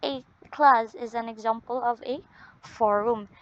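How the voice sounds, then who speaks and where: A woman teacher with a Filipino accent giving an English lesson, drawn out and deliberate, often ending points with a questioning "no?". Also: fairly high pitch, fairly even intonation, a bit bright. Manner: ends points with tag "no?". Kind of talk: classroom lesson. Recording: dull lo-fi audio.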